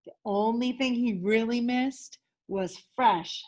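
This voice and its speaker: A woman teacher reads a children's picture book aloud in an expressive storytelling style, speaking slowly at a fairly high pitch.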